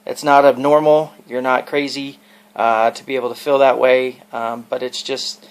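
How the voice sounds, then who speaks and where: A man records a casual, personal video log, explaining and advising as he goes. His voice is gravelly, with plenty of creak. He rambles earnestly from one point to the next. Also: medium pitch, level tone, normal speed, rough recording. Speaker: video blogger.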